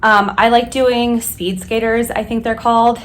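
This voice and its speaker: A woman's voice: fairly high pitch, steady tone, a little slow. A woman who works as a flight attendant, chatting candidly through her workout routine in a hotel room. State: out of breath at times. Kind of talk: casual workout vlog.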